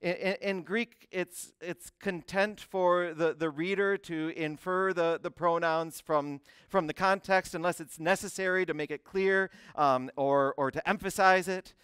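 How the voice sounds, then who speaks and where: A male pastor preaching with animated swings of emphasis, often stumbling over and repeating words as he builds a point. His voice sits a little high and sounds smooth and resonant. The recording is dry and close. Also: a little slow, few pauses, dry recording. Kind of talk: sermon.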